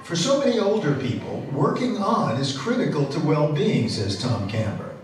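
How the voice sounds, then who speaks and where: A male reporter narrating a news feature in a measured, crisp way. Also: on the high side, big pitch swings. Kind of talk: scripted narration. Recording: echoey, distant, noisy.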